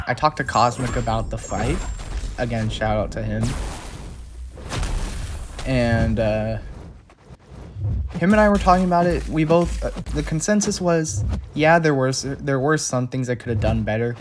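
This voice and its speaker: A man narrating a recap of his game fights in an exasperated, rambling play-by-play. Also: mid-range voice. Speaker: game channel creator. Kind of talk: gameplay recap voice-over. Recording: clear background noise.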